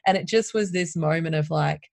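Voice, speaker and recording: A woman speaking openly and emotionally in a casual conversation, telling her story with lively candour. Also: low voice, fairly quick, no echo, clean studio sound. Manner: open, emotional, animated storytelling.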